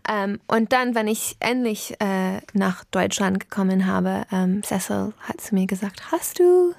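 A woman's voice: medium pitch, level tone, unhurried, creaky, no echo. A woman from the United States, a native English speaker, speaks German with an American accent in a casual studio interview, making grammar slips and searching for words. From Pennsylvania, United States. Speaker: interview guest, singer.

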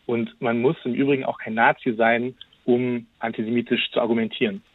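A man interviewed on the radio as a researcher, answering in a measured way with frequent hesitations. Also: medium pitch, level tone, no echo. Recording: telephone line.

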